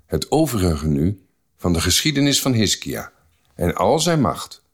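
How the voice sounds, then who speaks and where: A man reading scripture aloud for a podcast in a measured, solemn manner. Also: low-pitched. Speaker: Bible reader.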